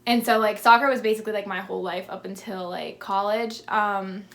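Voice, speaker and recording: Speaking briskly in a medium-pitched, fairly bright voice with fairly even intonation, this twenty-something fitness vlogger fields viewer questions on camera. She has a lisp, keeps it casual and chatty, and says "like" constantly.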